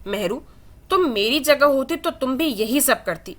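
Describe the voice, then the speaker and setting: A woman's voice: sits high, animated, slight background noise, voice pushed up. A woman voicing Aila, an emotional young woman who is defiant and pleading, in a read-aloud romance novel. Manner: defiant, then tearful and pleading.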